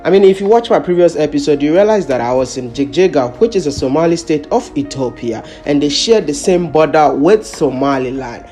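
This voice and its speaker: Ghanaian guy vlogging his trip, chatty and upbeat, soft music behind. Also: on the high side, animated, a little fast, few pauses. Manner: upbeat, chatty, asks curious questions. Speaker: travel vlogger. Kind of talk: casual travel vlog narration.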